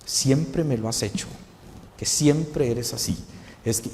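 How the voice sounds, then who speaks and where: Male pastor preaching, earnest, asks lots of questions, echoey long reverb hall sound. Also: mid-range voice. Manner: earnest preaching with rhetorical questions, soft quoted asides. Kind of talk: sermon.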